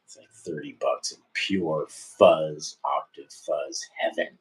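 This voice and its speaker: Slow, low-voiced man rambling. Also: fairly even intonation, rough recording. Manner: rambling and easygoing, many fillers and restarts. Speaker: livestream host and musician. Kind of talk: casual livestream chat.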